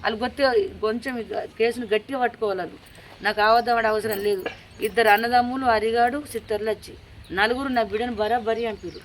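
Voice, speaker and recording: A woman's voice: a little high, fairly even intonation, fast talker, a little hiss or hum. Grieving mother with a Telangana accent. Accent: Telangana Telugu. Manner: pleading, repetitive, insistent demands for justice. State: grieving, distraught. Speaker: grieving mother of a murdered daughter. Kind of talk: emotional interview testimony.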